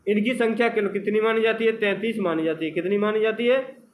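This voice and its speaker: A man's voice: high voice, steady tone, brisk, rough recording. A male teacher giving an exam-prep grammar lesson, asking questions and answering them himself, drawing out the sounds of letters.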